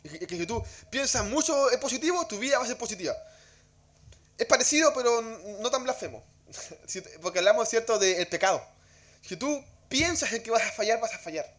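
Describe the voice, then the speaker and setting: A man's voice: very high-pitched, animated, brisk, fairly bright tone. A man teaching a church Bible class in a conversational way, asking rhetorical questions and often repeating words as he goes.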